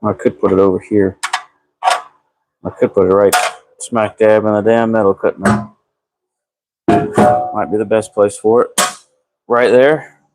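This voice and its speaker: Slow-drawling man. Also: lowish voice, flat delivery, over loud music, poor audio. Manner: folksy, slangy cracker talk. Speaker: live streamer working on cars in a garage. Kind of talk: casual live-stream chat while working. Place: garage.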